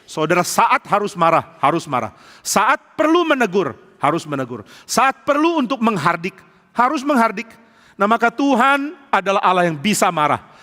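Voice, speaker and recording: A man's voice: sits high, very animated, normal speed, bright, forceful tone. A man preaching a sermon as pastor, telling humorous stories and acting out the quotes. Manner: humorous storytelling with acted quotes. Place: large church hall. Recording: long hall reverb.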